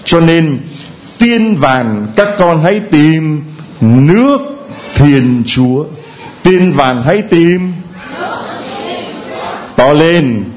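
Lively, playful male priest preaching. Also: on the high side, very slow, long pauses. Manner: playful and humorous, acting out quoted voices. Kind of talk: sermon to a congregation.

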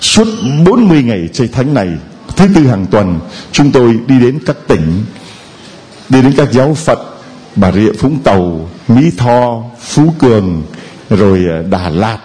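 Priest exhorting a congregation. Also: male voice, mid-range voice, big pitch swings, unhurried, dark tone, poor audio. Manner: exhorting, prods with short questions. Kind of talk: sermon and questioning a congregant.

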